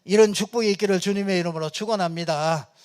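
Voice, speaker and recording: A male pastor gives a loose, conversational sermon from the pulpit. His voice sits high for a man, and he talks in an animated, rambling way, full of fillers and with frequent small chuckles. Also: fast talker, clear, resonant tone. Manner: chatty and animated, many fillers, chuckles often. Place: church pulpit.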